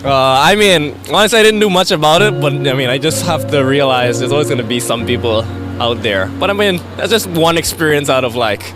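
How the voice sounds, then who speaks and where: A man talks through a street interview at an easy pace, dropping "like" and "I mean" as he goes. His voice sits a little high for a man. Music plays clearly behind him outdoors. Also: a little fast. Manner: relaxed, loose, filler-heavy. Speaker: interviewee, fashion model. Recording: music playing in background.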